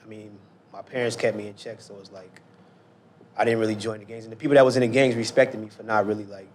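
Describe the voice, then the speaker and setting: A man in his thirties from Newark, talking in a halting, soft-spoken way as a guest on a casual chat podcast, often trailing off quietly. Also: lowish voice, steady tone, slight background noise. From Newark, New Jersey. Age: 30s. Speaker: guest designer.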